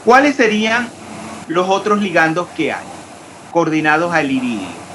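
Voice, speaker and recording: A man's voice: fairly high pitch, animated, moderate pace, a bit bright, a little hiss or hum, poor audio. A man teaching a chemistry class, asking his students questions and spelling out formulas step by step. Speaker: chemistry lecturer. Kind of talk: online class lecture.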